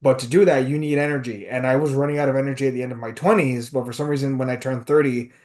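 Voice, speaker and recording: Brief: thirties male co-host, mid-pitched, animated, trips over his words, casual chat. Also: fast talker. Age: 30s. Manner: animated, stumbles and restarts while talking. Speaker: podcast co-host. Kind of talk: casual movie review chat.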